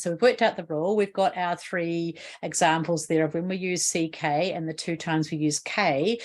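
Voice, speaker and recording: A woman with a New Zealand accent explaining a spelling rule in an instructional video lesson, patient and explanatory, often asking the viewer questions. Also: lowish voice. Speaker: literacy educator.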